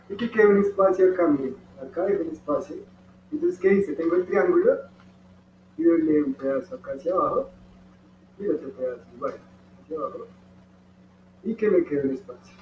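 A high-voiced man with a Colombian Spanish accent teaches kids origami in a step-by-step craft tutorial, animated at a normal speed and pausing often. As an instructor, he's patient and encouraging and speaks directly to the children. The audio sounds distant, roomy, and dull, with a faint hum.

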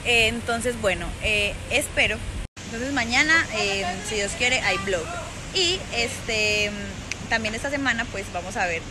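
Holding her phone at arm's length, a young Colombian woman with a paisa accent from Antioquia vlogs outdoors in a playful, casual selfie chat. Her voice is a little high and her pace measured. Around her it's noisy, first at a beach and later at a club.

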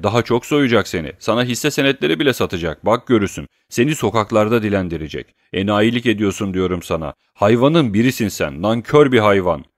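A man reading an audiobook, voicing a coarse, bullying male swindler who rants and hurls insults loudly. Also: on the low side, no echo, clean studio sound, lightly acted. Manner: loud, abusive ranting.

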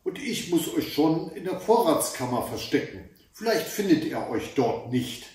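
A centuries-old giantess with a long nose, put on by a male reader, shrill and full of exclamations. The voice sits slightly high, and the very echoey room is heard from some distance. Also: sing-song, normal speed, darkish tone. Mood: exclaiming. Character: hundred-year-old giantess, troll's wife, long-nosed.

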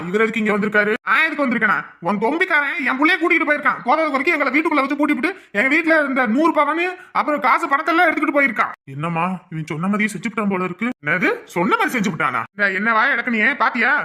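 Fast bright woman voicing cartoon villagers. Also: high voice, expressive. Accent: Kanyakumari Tamil. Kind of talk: Tamil cartoon voice acting.

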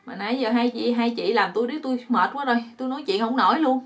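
A woman's voice: on the high side, fast, fairly bright tone, pitched above the performer's own voice. A woman voicing a frightened young man who begs to be untied. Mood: pleading. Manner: begging, whiny, breathless pleading. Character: pleading young man, bound and terrified.

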